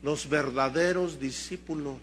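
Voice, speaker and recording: A middle-aged pastor with a Mexican Spanish accent preaches a lively sermon and acts out the voices in his stories. His voice sits high for a man and sounds bright and keen. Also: a little slow, slight background noise. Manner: lively storytelling preacher, acting out dialogue.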